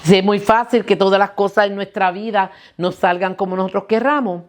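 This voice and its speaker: A woman's voice: mid-range voice, steady tone, fairly quick. Woman pastor preaching a sermon. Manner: asks the listeners questions, restarts words.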